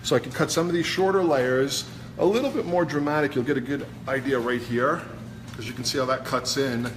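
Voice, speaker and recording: A man's voice: medium pitch, fairly quick. Male hairdresser, Brooklyn accent, mid-range voice, talking viewers through his work casually, faint room noise. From New York, USA. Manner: informal, explains step by step while working. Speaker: hairdresser demonstrating a cut. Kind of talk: casual live demonstration. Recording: noisy busy salon background.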